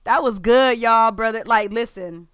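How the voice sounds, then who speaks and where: A man's voice: extremely high pitch, unhurried, fairly bright tone, clean tone, no room sound, clean studio sound. A man streaming a casual reaction to a game trailer, talking in an informal, slangy and emphatic way.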